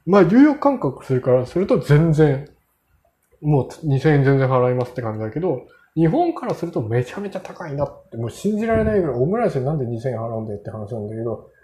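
A man's voice: medium pitch, big pitch swings, fast talker, warm tone. A man casually telling rambling, self-mocking anecdotes in a solo monologue. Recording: roomy echo.

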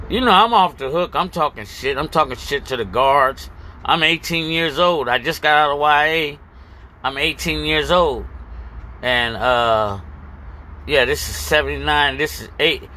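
A man's voice: medium pitch, sharp tone, a little hiss or hum. An older man telling his own story in a blunt, profane street manner, with many restarts. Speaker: storyteller recounting his past. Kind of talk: casual spoken memoir.

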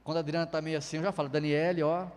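A man's voice: a little high, level tone, racing, smooth. A middle-aged man preaching a sermon in a chatty way, firing rhetorical questions and tagging lines with 'né'. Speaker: pastor. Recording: long hall reverb.

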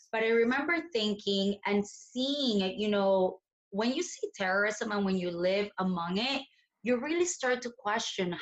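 A woman's voice: mid-range voice, highs cut off. A woman from Colombia, a therapist guest on a podcast, explaining things in a thoughtful way with many "you know"s. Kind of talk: podcast conversation.

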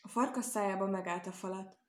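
A woman's voice: mid-range voice, steady tone. Woman reading a storybook aloud. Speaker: narrator. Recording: roomy echo.

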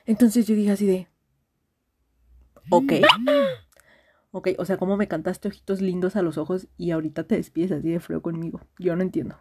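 A woman's voice: fairly low pitch, fairly even intonation, a little fast, mellow, a little hiss or hum. A young woman with a Mexican accent, telling a friend a long personal story in a casual, slangy, rambling voice message. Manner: rambling, slangy, frequent restarts and fillers.

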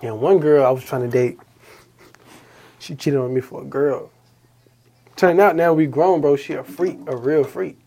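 Husky young man telling stories casually. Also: fairly high pitch, normal speed, pauses often. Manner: animated storytelling, acting out past conversations. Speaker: podcast host. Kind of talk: casual chat.

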